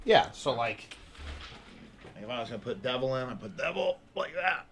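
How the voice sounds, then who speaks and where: A man sitting in as a guest on a morning radio show, talking through how a studio tool works in a talkative, animated way. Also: medium pitch, normal speed, a little hiss or hum. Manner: explaining things in a talkative, animated way. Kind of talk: casual studio banter.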